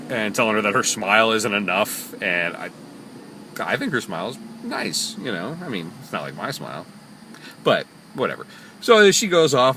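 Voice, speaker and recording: A taxi driver tells stories from his parked cab, chatty and jokey, full of fillers and asides. His bright, forward voice swoops up and down lively as he rambles. A faint hum runs behind him. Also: mid-range voice. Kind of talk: casual storytelling vlog. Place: parked taxi in a parking lot.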